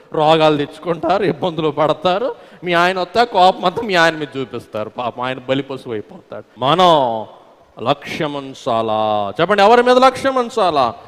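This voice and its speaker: A man's voice: fairly high pitch, clean tone. A man preaching a sermon. He tells homely stories and prompts the congregation to call answers back to him. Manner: folksy storyteller with homely examples. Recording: long reverb from a hall.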